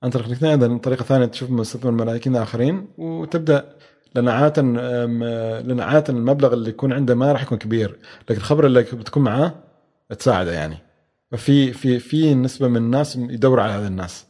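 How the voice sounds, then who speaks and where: A man's voice: medium pitch, rapid-fire, warm tone. A man answering interview questions, with many hesitations and restarts. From Oman. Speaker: guest, venture capital expert.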